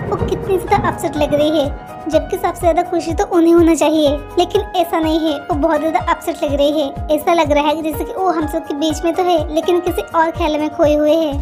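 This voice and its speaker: A woman reads a scripted fan audio story and voices every character herself. Her voice is very high, and she changes it little from one character to the next. Music plays clearly behind her. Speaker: storyteller voicing all characters.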